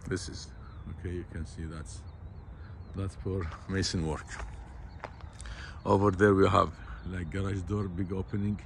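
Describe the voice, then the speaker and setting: A man walking a construction site and explaining the work in plain, halting, repetitive phrases, recorded on a handheld phone outdoors. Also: deep voice, little pitch movement, gravelly, a little hiss or hum. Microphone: phone camera held by the speaker.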